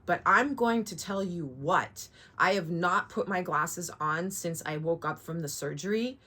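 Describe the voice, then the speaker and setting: Bright-voiced woman vlogger, candid and sweary. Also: on the low side, measured pace, breathy edge. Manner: candid, sweary, rambling with asides and self-corrections. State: sore and shaken hours after surgery. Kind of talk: casual personal vlog.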